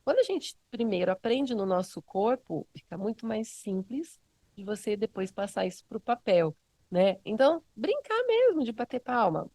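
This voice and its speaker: A woman's voice: a little high, big pitch swings, normal speed, warm tone, no echo. A woman with a Brazilian Portuguese accent, a music educator giving a casual, encouraging teaching talk with many fillers.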